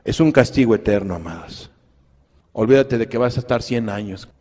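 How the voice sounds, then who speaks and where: A man preaching a sermon, swinging from loud cries to hushed low tones and repeating words for emphasis. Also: animated, moderate pace. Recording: long hall reverb.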